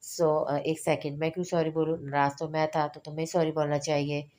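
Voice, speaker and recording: A woman's voice: low voice, little pitch movement, a little fast, darkish tone, close to an everyday voice. A woman voicing a stern, doting young husband who scolds firmly. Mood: teasing. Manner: scolding, firm.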